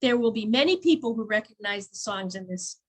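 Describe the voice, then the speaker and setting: A woman's voice: medium pitch, expressive, a little fast. A woman co-hosting a casual local events chat, talking easily, laughing often and reading out event blurbs. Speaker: chamber of commerce co-host.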